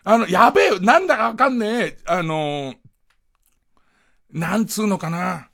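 Man, late-night radio host, high pitch, very lively, animated monologue. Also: a little slow, gravelly. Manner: animated, acts out quoted lines, laughs. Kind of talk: casual solo radio monologue. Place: radio studio.

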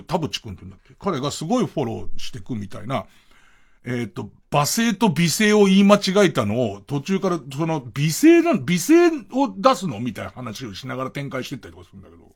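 A man's voice: fairly high pitch, wildly swooping pitch, fairly quick, creaky, a little mellow, husky. A man hosting a late-night radio show, rambling casually and thinking aloud with chuckling asides. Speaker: radio host.

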